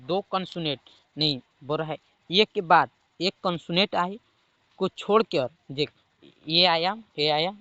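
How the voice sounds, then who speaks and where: Brief: Bihari man, English teacher, slow deliberate delivery, crisp clear voice, dry slightly dull recording. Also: fairly high pitch, pushed and bright, dry recording. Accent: Bihari Hindi. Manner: slow, repeats rules and checks understanding. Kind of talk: spoken English lesson.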